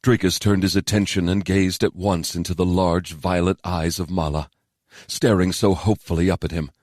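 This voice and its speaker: Male narrator, deep voice, steady fantasy audiobook read, dead-dry booth. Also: normal speed, no echo.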